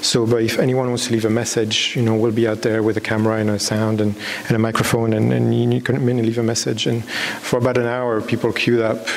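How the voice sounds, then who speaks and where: A Belgian documentary filmmaker gives an unscripted answer on stage at a public talk in a large dark hall with an audience. His mid-range voice holds a level tone as he halts, hunts for words and keeps making false starts. The hall is echoey, with clear background hiss.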